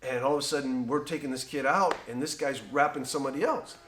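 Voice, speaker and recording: A man's voice: medium pitch, quick pace, roomy sound, slight background noise. A man, a boxing cutman and trainer, telling stories in an interview and acting out quoted exchanges. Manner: animated, acts out quoted exchanges. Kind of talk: conversational interview storytelling.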